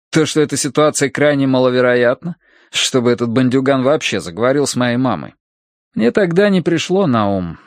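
Male audiobook narrator, animated pitch, dry close sound, storytelling. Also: no room sound. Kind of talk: expressive audiobook reading.

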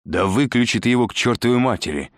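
A man's voice: low-pitched, animated, normal speed, fairly bright tone, no room sound, studio quality. A man reading an audiobook, voicing a brusque, furious man who gives urgent orders.

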